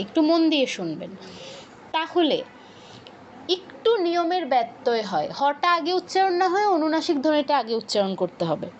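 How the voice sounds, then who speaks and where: A woman's voice: sits high, slight background noise. A woman teaching an online workshop, explaining rules patiently, repeating key points and checking that her students follow.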